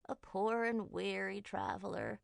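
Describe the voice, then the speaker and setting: A woman voicing a small, ugly old male troll with a high-pitched, whiny voice, pleading timidly in an audiobook. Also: sing-song, unhurried, gravelly, dry recording, clean studio sound, heavily acted. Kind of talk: audiobook character voice.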